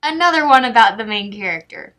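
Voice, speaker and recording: Young female vlogger, brightly sharp higher voice, chatty, reading out harsh comments in wry disbelief. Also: expressive, a little fast, rough recording. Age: young adult. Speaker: amateur online fiction writer and vlogger. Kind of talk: casual vlog chat, reading out comments.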